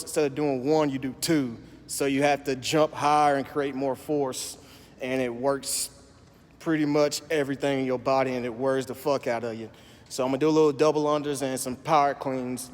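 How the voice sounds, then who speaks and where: In a large hall, a fitness vlogger with a mid-range, slightly mellow voice talks through a casual monologue at the gym. His Southern US country accent comes with a slight S lisp and slurred words. He rambles, swears freely, and deliberately slows his delivery.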